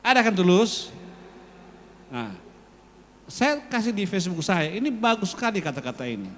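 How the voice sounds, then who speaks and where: A man leading a congregation, coaxing and repeating phrases slowly for emphasis while calling out to the men. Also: high-pitched, sing-song, a little hiss or hum. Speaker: worship leader addressing the congregation. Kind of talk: lively sermon-style exhortation. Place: large church hall. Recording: long church hall reverb.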